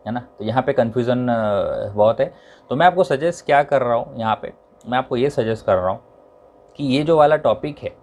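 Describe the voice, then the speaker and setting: A male teacher calmly going through which examples and exercises students should tick or cancel, mixing English terms into his Hindi. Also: medium pitch. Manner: methodical, lists items to tick or cancel. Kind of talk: exam syllabus walkthrough.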